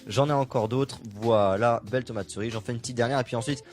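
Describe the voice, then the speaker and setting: Fast-talking playful male radio host. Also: medium pitch, darkish tone. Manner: playful, joking, running commentary. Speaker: radio host cooking on air. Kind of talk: casual radio chat. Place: small radio studio. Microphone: studio microphone.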